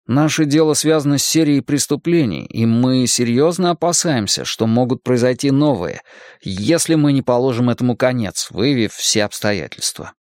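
A man's voice: medium pitch, animated, moderate pace, a little mellow, no echo, lightly acted. Young polite boy, earnest and respectful, put on by a male storyteller, dry sound. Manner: earnest, polite, addresses adults as sir.

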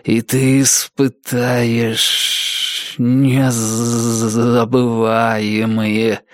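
A man's voice: mid-range voice, level tone, no room sound. A man whispering a sly haunted temple voice. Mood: mocking whisper. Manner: slow, drawn-out, mocking whisper. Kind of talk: whispered role-play.

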